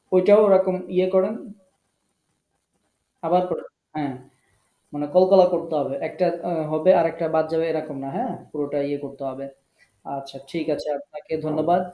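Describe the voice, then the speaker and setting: This man's dark, fairly high voice comes through a rough recording in an echoey room. He runs a live online Quran recitation class, inviting each student in turn and patiently fixing and drilling their pronunciation. He is coaxing, repeats drills, and helps with technical problems.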